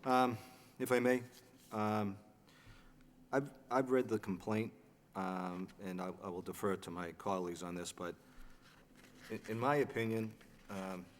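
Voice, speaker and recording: A low-pitched man runs a public hearing in a formal, procedural way, stumbling on fillers and restarts as he works through motions. The courtroom-style recording carries the long reverb of a city hall chamber. A faint hum of background noise sits under his voice. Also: fairly even intonation, unhurried, long pauses. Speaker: license commission chairman.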